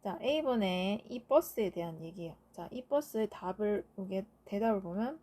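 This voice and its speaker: This lecture has a woman teacher walking slowly through English grammar answers in an expressive, dark-toned voice of medium pitch. She keeps checking comprehension with the short tag "그쵸?".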